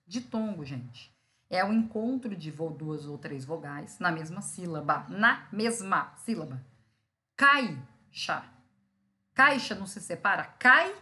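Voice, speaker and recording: In a recorded grammar lesson, a woman teacher with a lowish, pushed, bright voice explains things step by step. Along the way she checks on her students and pronounces syllables slowly for emphasis.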